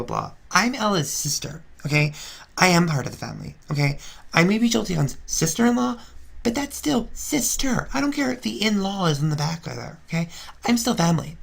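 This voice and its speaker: A woman's voice: low-pitched, vocal fry, heavily acted. A woman voicing a brash, gossipy female Flareon reality star, ranting sarcastically in a confessional-style fan drama. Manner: indignant, sarcastic ranting with restarts.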